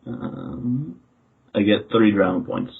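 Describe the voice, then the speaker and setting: Man, tabletop player, low husky voice, stammering, phone-like audio. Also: animated. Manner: slow, stammering. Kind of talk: playing a tabletop storytelling game. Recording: tinny phone-like podcast audio.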